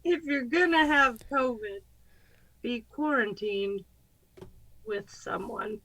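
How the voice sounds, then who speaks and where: A woman joining a podcast over a video call, her voice hoarse from illness, laughing along with the teasing. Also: fairly high pitch, takes it slowly, pushed and bright, dry recording, low-quality recording. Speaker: guest co-host.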